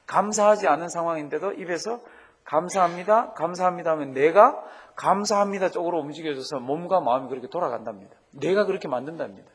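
A middle-aged man preaching a sermon on Bible reading, lively, asking the congregation questions and having them repeat after him. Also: fairly high pitch, fast talker. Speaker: pastor.

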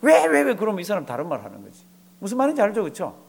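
A man's voice: sits high, huge pitch swings, quick pace, vocal fry, husky. A man preaching a sermon as a pastor, asking the congregation rhetorical questions and acting out bits of dialogue as he tells a story.

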